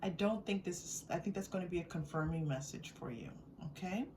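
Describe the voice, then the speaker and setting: A woman with a fairly low, darkish voice moves briskly through an improvised tarot reading she is hosting. She speaks to the listener directly, conversational and encouraging. Faint noise comes through the distant mic.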